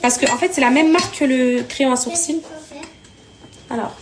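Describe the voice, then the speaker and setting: A woman's voice: high voice, moderate pace, background noise. A tired young woman in casual vlog chat, venting and exasperated, often repeating herself. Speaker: vlogger. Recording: household clatter behind.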